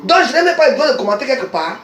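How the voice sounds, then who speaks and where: Une femme camerounaise à l'accent du Cameroun qui lance une diatribe agressive en direct sur un réseau social, répétant ses insultes, enregistrée au téléphone. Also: female voice, fairly high pitch, very animated, very fast, a little hiss or hum. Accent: Cameroonian French. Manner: combative, insulting, repetitive. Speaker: social media personality. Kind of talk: angry live social media rant. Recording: roomy echo.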